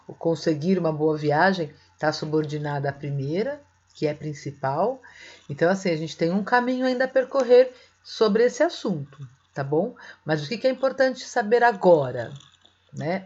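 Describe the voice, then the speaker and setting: A woman with a Brazilian accent teaching a Portuguese grammar lesson in a chatty, gentle way, often asking "tá?" and "né?". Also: lowish voice. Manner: chatty, ends phrases with "tá?" and "né?"; gentle, encouraging. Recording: slightly dull lo-fi sound.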